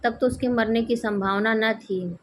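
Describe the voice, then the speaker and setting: A woman's voice: on the high side, steady tone, measured pace, slight background noise, lightly acted. A woman reading the lines of a troubled, probing man from a play, asking questions in a plain read-aloud voice.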